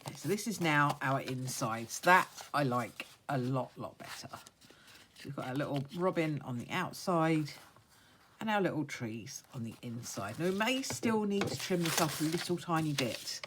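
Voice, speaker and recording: Getting over a croaky voice, a woman with a low, hoarse tone talks casually through a hands-on craft demo, unhurried and commenting as she works. Her delivery is expressive and a bit bright, with some background noise in the recording.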